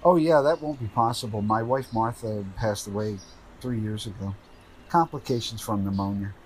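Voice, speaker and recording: An actor playing a blunt, suspicious widower in middle age. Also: male voice, on the low side, normal speed, slight background noise, close to an everyday voice, rough recording. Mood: plain. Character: widowed man, gruff and suspicious.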